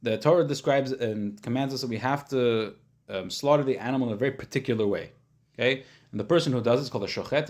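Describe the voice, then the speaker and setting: A man with a mid-pitched voice teaches an informal class as a rabbi. He explains things simply and casually, thinking aloud and hesitating as he looks for words. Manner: casual, plain-spoken, simplifying. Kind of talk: informal religious lesson, explaining.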